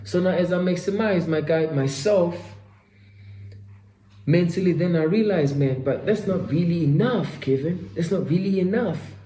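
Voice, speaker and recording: In a high, mellow voice at a moderate pace, a man in his twenties preaches a faith-based motivational message as a self-development vlogger. He repeats phrases often and keeps addressing himself and the listener as "my guy." The recording has a roomy sound and a little hiss or hum.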